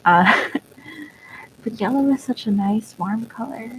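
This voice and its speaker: A young woman streaming live, talking in a soft, reflective and sentimental way, with pauses and small laughs. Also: a little high, background noise. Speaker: virtual streamer. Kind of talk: casual live-stream chat.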